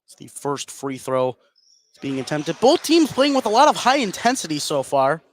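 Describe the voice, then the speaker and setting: Calling a high school basketball game live on radio, a man delivers play-by-play at normal speed, energetic and climbing with each burst of action.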